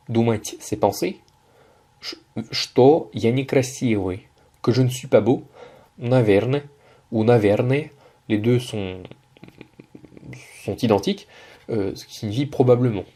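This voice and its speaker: A man's voice: mid-range voice, warm tone, slightly rough. A man teaching Russian in French, patiently breaking down a video line by line with frequent hesitations. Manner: patient, many hesitations and self-corrections. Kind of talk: explaining a video lesson.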